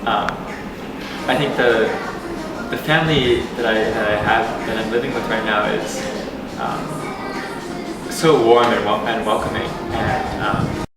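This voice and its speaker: A man's voice: on the low side, fairly even intonation, unhurried. A man in his twenties from Boston giving a rambling, casual testimonial full of fillers and restarts. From Boston, Massachusetts, USA. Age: 20s. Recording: echoey room from a distance, loud music.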